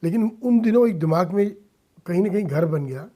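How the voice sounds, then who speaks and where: In a radio studio, a middle-aged man from India who works in business and social work answers interview questions earnestly, sprinkling in English phrases. His high, mellow voice moves at a normal speed and is quite expressive.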